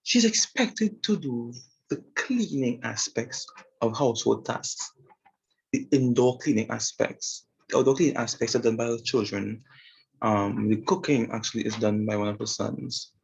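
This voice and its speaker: A young Trinidadian student presenter talks informally about a woman he interviewed, hesitating with many fillers and restarts. His mid-range voice is creaky and husky at a moderate pace, and the recording is muffled and lo-fi.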